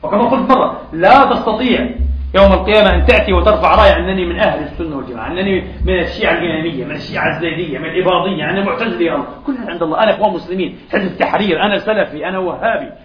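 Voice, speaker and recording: A male preacher giving an animated Friday sermon in a mosque, throwing rhetorical questions at the congregation, with a Palestinian Arabic accent. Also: high-pitched, rapid-fire, a crowd in the background. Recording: echoey, dull lo-fi mosque recording.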